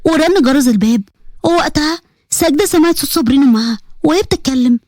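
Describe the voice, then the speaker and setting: A woman with an Egyptian accent narrating a story in a brisk, expressive reading. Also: sits high, no room sound, studio quality.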